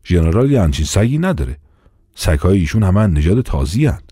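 A man's voice: low-pitched, big pitch swings, warm tone, slightly rough, no echo, clean studio sound, full character voice. A man voicing a deferential policeman in an audiobook. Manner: deferential, sure, then musing.

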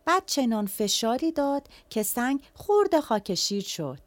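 A woman telling a fairy tale in a chatty, colloquial way, her voice rising and falling with the story. Her pitch sits fairly high, and the recording is dry and close. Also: big pitch swings, no echo. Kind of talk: folk tale narration.

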